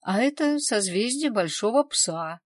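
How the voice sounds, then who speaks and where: A reader voicing a hoarse, shaken man who was just choked and keeps coughing, speaking in a raised, agitated voice. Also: sits high, animated, a little slow, no echo, studio quality, pitched above the performer's own voice. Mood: explaining.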